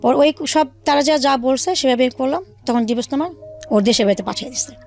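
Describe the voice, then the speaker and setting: Over soft background music, a fast-talking woman with a high-pitched, slightly mellow voice describes her life story as a radio guest. She gives plenty of detail and performs remembered dialogue herself.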